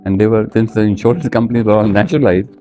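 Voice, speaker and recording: With a mellow, lowish voice and a very fast delivery, a man in his seventies tells of his life as an interview guest, conversational, plain and anecdotal. He is from India and has an Indian accent. Soft music sits in the background.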